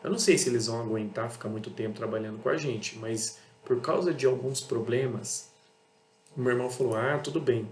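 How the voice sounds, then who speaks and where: A blunt Brazilian man talks casually, circling back on his points again and again. His voice sits at an ordinary pitch. The room is echoey, and a faint electrical hum runs underneath. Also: brisk, darkish tone. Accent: Brazilian Portuguese. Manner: blunt, repetitive, acts out dialogues with customers. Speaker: auto parts seller and channel host. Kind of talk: casual monologue to camera.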